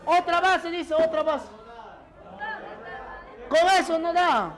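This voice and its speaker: A man with a Peruvian Spanish accent, a history teacher leading his class in a shouted rap chant, calling out lists to his students. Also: very high voice, animated, slow. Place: crowded classroom. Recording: loud music and crowd noise. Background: loud beat and shouting students.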